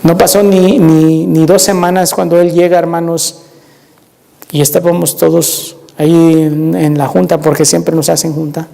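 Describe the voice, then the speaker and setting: A man's voice: a little high, little pitch movement, moderate pace, vocal fry, warm tone. A man preaching a sermon in a church, telling a personal testimony with fervor and repeatedly calling out to the congregation as brothers. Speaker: pastor. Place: church sanctuary. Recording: long reverb of a church hall.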